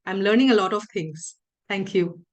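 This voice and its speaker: A woman's voice: medium pitch, normal speed. A woman earnestly introducing her women's livelihood group at a meeting, with many "you know"s. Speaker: participant.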